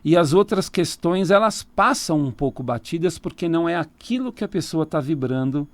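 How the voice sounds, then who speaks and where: A man's voice: a little high, lively intonation, moderate pace, no room sound. A man with a Brazilian Portuguese accent, a tarot reader talking casually as a radio interview guest, explaining at length and laughing easily. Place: radio studio.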